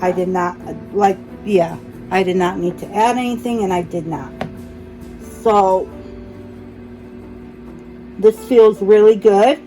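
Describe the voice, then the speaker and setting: A woman with a mild speech impediment talks through her cooking in a home kitchen at an unhurried, drawn-out pace. She chats to the viewer, thinks aloud and corrects herself mid-sentence. Faint music plays underneath. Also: medium pitch, warm tone, poor audio. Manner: chatty, thinks aloud, self-correcting asides. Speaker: cooking vlogger. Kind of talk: casual kitchen narration while cooking.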